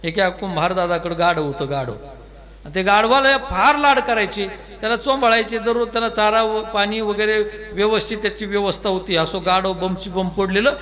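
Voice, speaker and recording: A man's voice: high voice, normal speed. A male kirtan preacher giving a devotional sermon. He tells humorous stories and breaks into chanted verses. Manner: lively storyteller who breaks into chanted verses.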